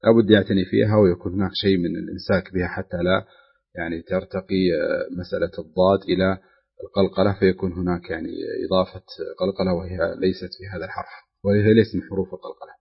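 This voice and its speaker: A man's voice: low voice, level tone, very fast, vocal fry, slightly rough. A man, a recitation teacher on a call-in broadcast who patiently corrects and demonstrates pronunciation. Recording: muffled lo-fi broadcast audio.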